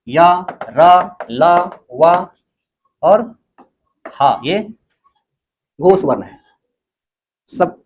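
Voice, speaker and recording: A man. He explains patiently, pauses often to ask whether the class has understood, and keeps the students moving along. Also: sits high, slight background noise. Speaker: teacher. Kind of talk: classroom lecture.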